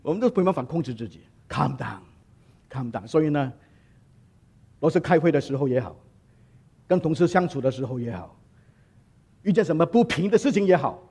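A male pastor delivers a sermon in an animated, storytelling manner, often slipping phrases into his speech. His voice sits fairly high and has a husky edge. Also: fairly quick, pauses often. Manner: lively storytelling, mixing in English words.

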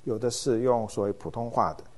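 A middle-aged man lecturing on church ministry in a relaxed, informal way, often pausing with hesitation fillers. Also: medium pitch.

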